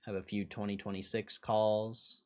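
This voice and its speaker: With a lowish, slightly mellow voice that barely moves in pitch, this host talks at a moderate pace. He chats informally on his livestream, reading viewer comments in slangy, often repeated phrases.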